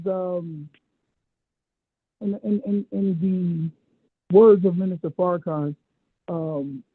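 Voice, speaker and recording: A man's voice: high voice, slightly rough, dry recording. A man calling in over a muffled phone without headphones, talking hesitantly and searching for his words. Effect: muffled phone audio with little clarity. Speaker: caller. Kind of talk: call-in discussion.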